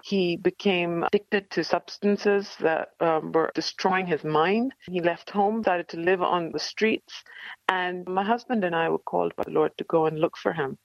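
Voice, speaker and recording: A woman's voice: unhurried, creaky, no room sound, lo-fi sound. Woman with a disguised, electronically altered voice. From South Asia. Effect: electronically altered, disguised lower voice. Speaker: ministry worker, interview guest. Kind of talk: radio interview.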